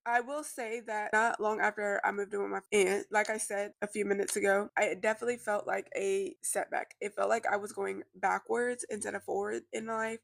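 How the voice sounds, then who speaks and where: A woman's voice: mid-range voice, creaky, dry recording, clean studio sound. A woman talking candidly in a sit-down vlog, reflective and rambling, sounding congested with slightly slurred words, recorded indoors at home. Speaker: vlogger. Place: indoors at a relative's house.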